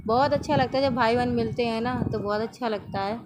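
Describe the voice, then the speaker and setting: A woman's voice: fairly high pitch, a little fast, background noise. A young woman from northern India narrating her family vlog in a chatty way, laughing often and talking straight to the viewers. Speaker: family vlogger.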